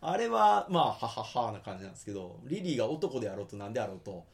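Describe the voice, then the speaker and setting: A man with a lilt talks through a casual podcast chat. His voice leaps up and down in pitch as he acts out quoted lines. He laughs easily and keeps the talk lively. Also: racing, vocal fry. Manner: animated, laughs often, slips into Kansai-style quoted lines. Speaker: podcast co-host. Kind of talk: casual chat about anime.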